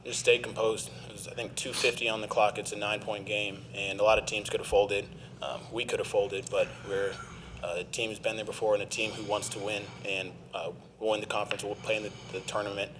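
A young man, a college basketball player, speaking in a composed, measured way at a postgame press conference into a table mic in a press room. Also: on the low side, flat delivery, a bit bright, a little hiss or hum. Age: young adult. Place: press room in front of a sponsor backdrop.

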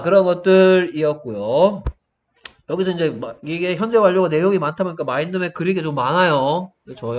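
Lively Korean man teaching grammar. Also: on the high side, a little hiss or hum. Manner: animated, acts out student exchanges in a raised voice. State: strained voice from shouting. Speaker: English teacher. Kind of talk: online grammar lesson.

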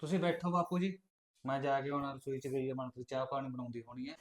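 A man's voice: mid-range voice, level tone, fast talker, lightly acted. A man playing an easygoing husband who talks kindly with his wife and father-in-law. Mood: friendly. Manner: cheerful and accommodating. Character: young husband, easygoing and obliging. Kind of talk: short film acting.

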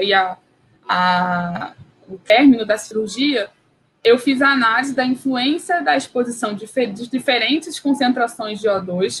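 A woman's voice: fairly high pitch, fairly bright tone, a little hiss or hum, rough recording. A woman from Brazil giving an academic biology lecture, hesitant, with many fillers and restarts.

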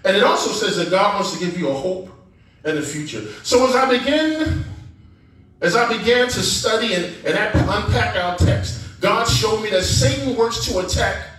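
A man preaching a sermon as guest preacher, animated and calling out to the congregation for responses. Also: high-pitched, normal speed. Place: church sanctuary. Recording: echoey church sound from a distance.

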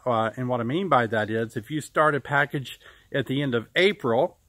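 This is a casual instructional talk to camera: an American beekeeper from Illinois, middle-aged, teaching outdoors by a farm building. He's relaxed and explanatory, stopping often, with a mid-range voice captured up close without echo.

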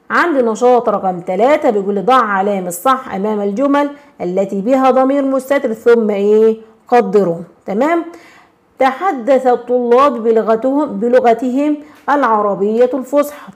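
A woman with an Egyptian accent teaching a grammar lesson, constantly checking in with questions and slowing down to stress example words. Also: on the high side, darkish tone. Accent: Egyptian Arabic. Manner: slows and stresses words when reading examples.

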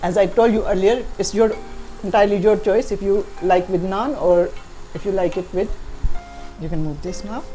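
Brief: middle-aged female cooking show host from Pakistan, easygoing teaching tone, studio kitchen with soft music behind. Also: mid-range voice, normal speed. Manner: relaxed, instructive, addresses viewers directly. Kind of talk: cooking demonstration.

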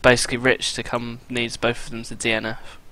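A man, commentating a sim racing event in a relaxed, chatty way. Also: mid-range voice, brisk. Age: 20s. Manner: relaxed, chatty, reads out lap times with fillers. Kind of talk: casual race commentary.

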